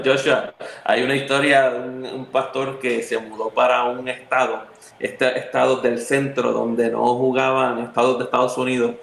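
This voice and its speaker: A man's voice: medium pitch, vocal fry. A man with a Puerto Rican accent in a casual spiritual talk, telling stories and acting out the people in them. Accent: Puerto Rican Spanish. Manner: lively storyteller who acts out the quoted people. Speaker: youth talk co-host. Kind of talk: casual spiritual conversation with storytelling. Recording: echoey room.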